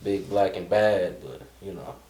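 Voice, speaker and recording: A young man with a low voice chats in an easygoing, joking manner. The recording sounds roomy and echoey. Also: unhurried, mellow. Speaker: co-host. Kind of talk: casual chat. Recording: echoey room.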